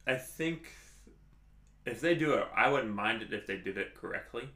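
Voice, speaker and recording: A man's voice: medium pitch, lively intonation, normal speed, pushed and bright, reverberant. A man co-hosting a podcast in casual chat, rambling with many restarts and fillers. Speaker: podcast co-host.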